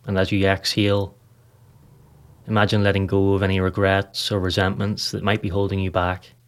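Here a meditation guide who hosts a podcast leads a guided session in his notably deep voice. Each short phrase comes out calm and evenly timed, and he lets unhurried pauses sit between them.

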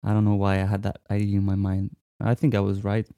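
A man in his twenties from France, a musician talking casually in an interview, relaxed and hesitant with many fillers. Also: fairly low pitch, fast talker, no echo, clean studio sound. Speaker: musician guest.

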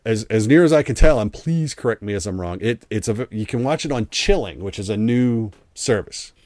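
Speaking a little fast with lively intonation, this American podcast host has a low-leaning, darkish voice. He chats and rambles through a casual interview, often restarting, and the studio-quality recording has no room sound.

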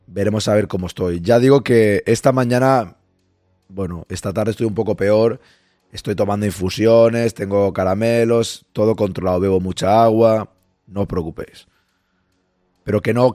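A man, hoarse and losing his voice, hosting a live-stream podcast and chatting casually, greeting listeners and reading their messages aloud. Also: on the low side, darkish tone, dry recording, clean studio sound.

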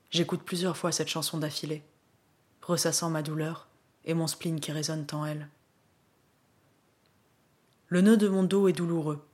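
A woman reading her own race diary as a subdued, weary, reflective first-person voice-over. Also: low-pitched.

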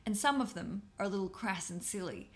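A woman in her thirties co-hosts a podcast in relaxed, chatty banter. Her voice sits at a middle pitch, and she laughs easily and swears without much thought. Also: fairly quick. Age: 30s. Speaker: podcast co-host. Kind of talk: casual chat.

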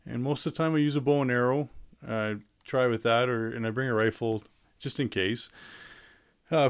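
A man with a Canadian accent talking casually as an interview guest, with a hesitant, halting delivery. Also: mid-range voice. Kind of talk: casual personal storytelling.

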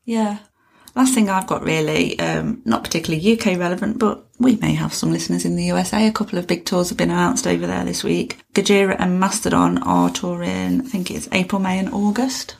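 A woman's voice: fairly low pitch, very animated, a little fast, gravelly. A woman co-hosting a podcast, chatting casually about music news and hedging with "obviously" and "I think". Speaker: podcast co-host.

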